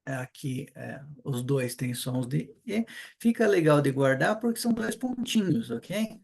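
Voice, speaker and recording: A chatty Brazilian man with a southern accent, leading a relaxed online class. His voice sits a little high for a man, and he keeps tossing in quick check-ins and rhetorical questions as he explains. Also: gravelly, breathy edge. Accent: Brazilian Portuguese, southern (Paraná). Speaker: Hebrew teacher. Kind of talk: casual online class lecture.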